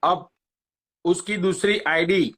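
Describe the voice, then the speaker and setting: A man, ranting on a phone live stream in a slow, crude, mocking way. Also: high voice, steady tone, fairly bright tone. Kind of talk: angry rant on a live stream.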